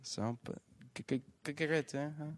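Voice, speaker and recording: A man's voice: fairly high pitch, steady tone, moderate pace, no echo. Rambling, joking nineteen-year-old man. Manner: rambling, joking, lots of "like" and restarts. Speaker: podcast co-host. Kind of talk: casual chat.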